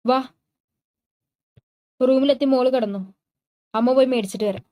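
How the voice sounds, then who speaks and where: A woman's voice: high voice, normal speed, dark tone, close to an everyday voice. A woman voicing a caring, worried middle-aged mother who speaks tenderly. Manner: tender, fussing.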